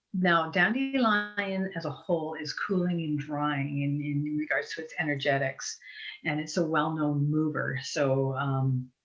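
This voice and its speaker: A woman from Eastern Europe giving an informal, chatty talk as a guest herbalist, often restarting her sentences. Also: sits low. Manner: chatty, digressive, many restarts. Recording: muffled online call audio.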